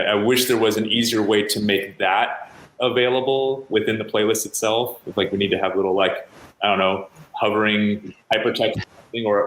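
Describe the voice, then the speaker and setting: Guy moderating a video panel, lowish voice, lots of room echo, faint hum. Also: a bit bright. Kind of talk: live panel discussion.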